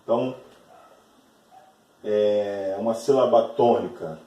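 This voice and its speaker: A man's voice: lowish voice, takes it slowly, warm tone, distant mic, muffled recording. A male teacher giving a recorded grammar lesson, patient and explanatory, often checking in with short tag questions. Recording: echoey room, voice off-mic.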